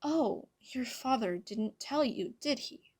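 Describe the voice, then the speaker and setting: A woman's voice: fairly high pitch, lively intonation, slow pace, a little mellow, breathy edge, voice pushed up, full character voice. A woman voicing a long-lost mother who talks in a breezy, offhand way, in a fan reading of a story.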